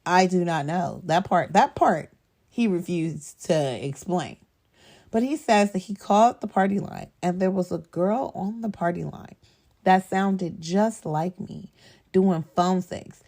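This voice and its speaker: A woman hosting a podcast, telling a personal story in a casual, candid way, animated and often laughing. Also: on the low side, measured pace. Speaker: podcast host.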